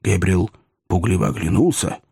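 Male audiobook narrator, low voice, dry close sound, measured reading. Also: gravelly, mellow, breathy edge, dry recording.

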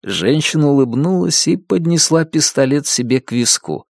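A man narrating an audiobook thriller in an even, measured reading voice. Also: fairly high pitch, creaky, no echo, clean studio sound.

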